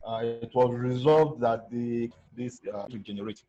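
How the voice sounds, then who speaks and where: A man in a class discussion, talking haltingly over a video call whose audio breaks up and drops out. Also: medium pitch, steady tone, dark tone, muffled recording. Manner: hesitant, halting, repeats words. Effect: video call audio breaking up and dropping out. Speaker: therapist at an inpatient substance use center.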